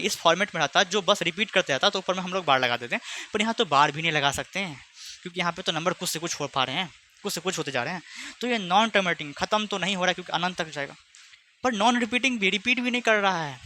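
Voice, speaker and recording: Bright-voiced chatty maths teacher. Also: male voice, sits high, animated, quick pace. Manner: chatty, teasing, speaks both sides of a pupil dialogue. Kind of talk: online class lesson with imagined student back-and-forth.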